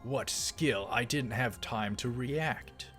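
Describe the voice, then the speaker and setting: A let's player with a medium-pitched male voice reads a visual novel aloud at a slow pace, dramatizing the narration. Game music plays behind him.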